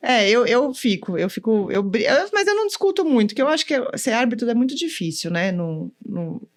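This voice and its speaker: Quick-talking woman coach. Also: a little high. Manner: animated, acts out quotes, many "né?" tags. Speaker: volleyball coach, former pro player. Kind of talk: casual interview chat.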